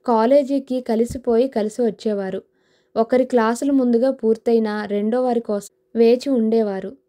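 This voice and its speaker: A woman narrating a novel in a steady storytelling manner. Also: on the high side. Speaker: audiobook narrator.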